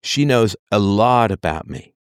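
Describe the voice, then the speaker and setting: A man with a fairly low, expressive voice speaks unhurriedly in a clean tone, recorded in a clean studio with no room sound. He's a call-in show host giving advice, talking conversationally and explaining emphatically with analogies while often checking that the listener follows.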